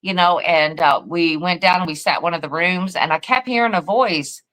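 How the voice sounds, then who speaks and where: A woman's voice: fairly low pitch, moderate pace, a bit bright, rough recording. A tired woman co-hosting a paranormal podcast, telling a rambling story full of fillers and restarts. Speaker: podcast co-host and paranormal investigator. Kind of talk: casual chat.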